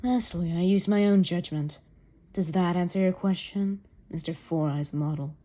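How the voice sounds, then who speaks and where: A woman's voice: fairly low pitch, normal speed, dark tone, natural voice. A woman voicing a stern, scheming male football coach who speaks in a cold, blunt, commanding way during a manga reading.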